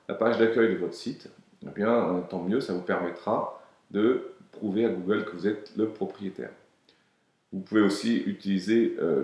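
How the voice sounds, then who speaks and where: A man with a fairly low voice talks through a software tutorial, calm and explanatory, pausing often to hesitate. The recording is very echoey, as if made in a bare, reverberant room. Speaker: web tutorial presenter.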